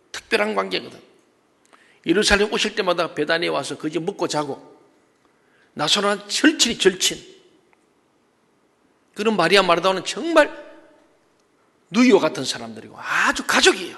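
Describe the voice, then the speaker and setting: A man's voice: sits high, vocal fry, pushed and bright, long reverb tail. A male pastor preaching a sermon emphatically, acting out the voices in the stories he quotes. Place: church sanctuary.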